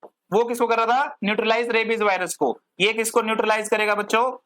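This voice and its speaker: A woman with a somewhat high, slightly bright voice delivers a pharmacy lecture at a fairly quick clip and with fairly even intonation. She code-switches between Hindi and English, poses questions to the class and answers them herself, and drawls long technical terms out word by word.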